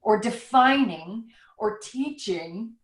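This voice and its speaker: Over a video call with roomy echo, a woman author chats casually, musing in a wandering, self-questioning way. Her voice is fairly high, animated, and slow.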